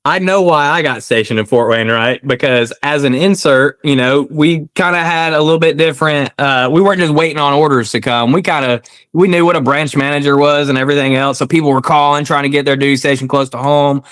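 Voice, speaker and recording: A man spins army stories on a podcast, swearing freely and mimicking everyone he quotes. His voice sits a bit high for a man. The sound is dry and close, with no room around it. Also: a little fast, smooth, no echo. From Birmingham, Alabama, US. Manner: animated, profane, acts out quoted voices. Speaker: guest, combat veteran. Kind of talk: casual podcast storytelling.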